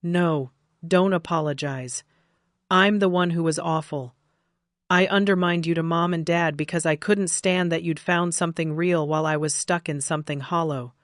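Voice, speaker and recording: A remorseful adult sister, read by a woman narrator speaks low and apologetically. Her tone is quiet and sincere, and the recording is dry and close. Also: steady tone, normal speed, no echo, natural voice.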